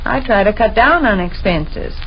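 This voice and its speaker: In a dull, noisy 1930s radio comedy recording, a woman with an expressive, natural mid-range voice speaks at a moderate pace as Sade. She plays a thrifty, plain-spoken, nagging, folksy American homebody wife, sounding skeptical, challenging and scolding.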